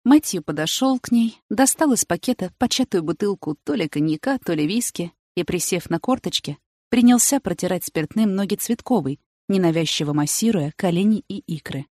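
A woman's voice: lowish voice, lively intonation, normal speed, a little mellow, no echo, studio quality. A woman narrating a novel as an audiobook, reading steadily and evenly.

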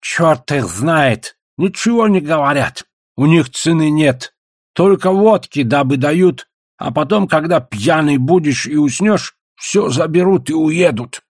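A man reading the part of a sly, tipsy one-eyed old hunter in a slow, drawling voice. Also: on the high side, animated, no room sound, clean studio sound, pitched above the performer's own voice.

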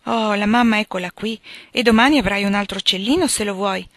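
A woman voicing a gentle, wise mother who speaks in a patient, instructive tone, in a dry recording. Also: medium pitch, fairly quick, no echo, pitched above the performer's own voice, lightly acted.

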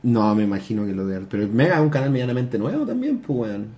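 A man's voice: mid-range voice, sing-song, fast talker, mellow. Laid-back Chilean man, podcast banter. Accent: Chilean Spanish. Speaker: podcast co-host. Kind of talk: casual chat.

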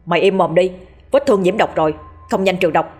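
A woman voicing a calm, blunt young male exorcist who talks briskly and low. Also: breathy edge. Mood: curt.

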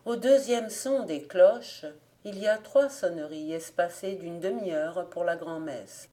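An audiobook reader narrates a scripted folk tale in a low voice. Her pacing is calm and measured.

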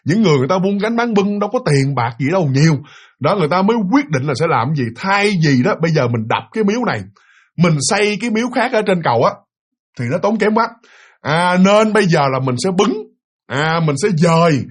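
A man telling a ghost story in casual spoken style, animated and addressing his listeners directly. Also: sits high, a little fast, breathy edge.

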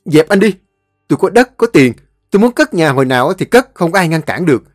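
Guy playing a hotheaded young man talking back, voice pitched way up and loud, dry close sound. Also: sing-song, brisk, no room sound, soft background music. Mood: defiant. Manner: defiant, heated arguing. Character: stubborn defiant young man.

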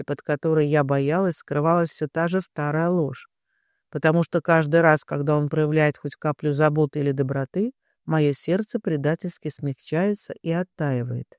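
A woman reading a romance audiobook in the first person, with an emotional, expressive delivery. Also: sits low, no room sound, studio quality. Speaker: audiobook narrator.

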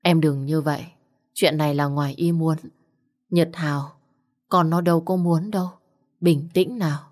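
A woman voicing an older father who holds back his grief and gently calms his wife. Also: low voice, moderate pace, close to an everyday voice. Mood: calming. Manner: gentle, restrained.

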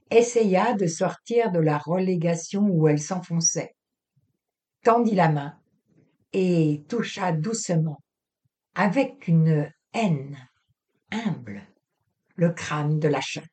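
A woman reading a literary novel aloud in a measured, expressive way. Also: low-pitched. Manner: slow, measured, expressive delivery. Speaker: audiobook reader.

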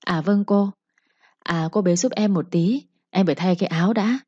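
A woman's voice: lowish voice, normal speed, a little mellow, breathy edge, no echo, muffled recording. A woman voicing a young servant girl who answers her mistress humbly and pleads with her. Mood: wheedling.

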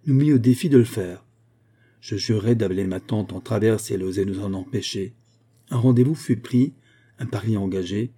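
A man's voice: lowish voice, dark tone, husky. A man voicing a jovial young male officer in a novel, hearty and teasing as he talks. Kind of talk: audiobook character reading.

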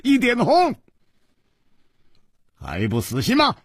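A man voicing an arrogant young swordsman in a storytelling reading, loud and mocking in manner. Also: very high voice, wildly swooping pitch, racing, husky, no echo, studio quality, voice pushed up, exaggerated voice.

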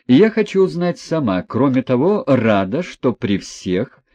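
A man's voice: fairly high pitch, wildly swooping pitch, moderate pace, no echo, pitched above the performer's own voice, heavily acted. A male audiobook reader voicing a proud young noblewoman who teases and questions imperiously. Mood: mocking. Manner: sharp, teasing, imperious.

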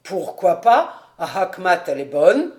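An amateur audiobook reader voicing a jovial, stout middle-aged male tax collector who exclaims loudly and often. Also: big pitch swings, unhurried. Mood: hearty. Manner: booming, exuberant, exclaiming. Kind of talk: audiobook character reading.

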